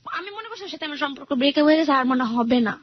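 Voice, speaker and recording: Fast-talking high-voiced woman. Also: animated, dry recording, lo-fi sound. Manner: earnest, rambling retelling with many fillers. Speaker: guest telling her life story. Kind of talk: personal storytelling interview.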